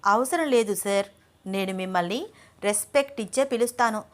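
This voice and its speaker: A woman's voice: medium pitch, moderate pace, lightly acted. A woman voicing a headstrong young wife and student who answers back in a pouty, defiant way. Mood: sulky.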